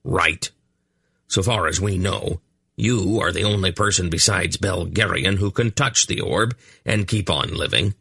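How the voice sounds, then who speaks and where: A gravelly, growling old hunchbacked sorcerer with a deep, rough voice, as a man puts him on. He is irascible and blunt in an audiobook reading, close and dry with no room sound. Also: a little slow, sharp tone, dry recording, heavily acted. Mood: scornful.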